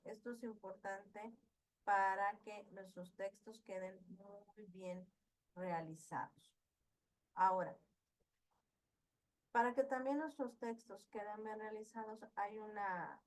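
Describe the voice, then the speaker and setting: A woman's voice: medium pitch, rough recording. A woman teaching an online class, explaining step by step with frequent fillers and checking questions.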